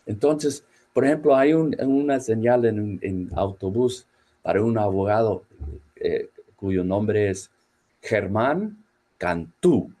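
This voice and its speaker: Slow low-voiced man with a dark tone. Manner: halting, many fillers and restarts. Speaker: conference speaker. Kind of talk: academic talk at a conference. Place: university in Laredo, Texas.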